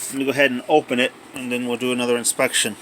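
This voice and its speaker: An amateur unboxing video maker narrates casually and off the cuff, filming indoors at home on a handheld cell phone. His voice is medium-pitched, level and fairly bright, and he talks rapid-fire. The recording is low quality, with slight background noise.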